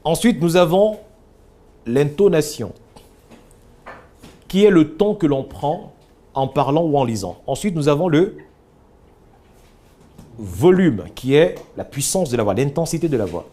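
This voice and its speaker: A man leading a voice training workshop, coaching students with animated corrections. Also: a little high, a little slow, pauses often.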